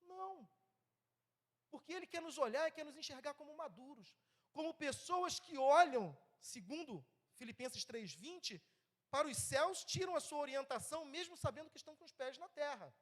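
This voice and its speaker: With an extremely high pitch at normal speed, a thirtysomething man with a Brazilian Portuguese accent delivers a church sermon. He's lively and conversational, swinging between loud and soft and frequently checking in with the congregation.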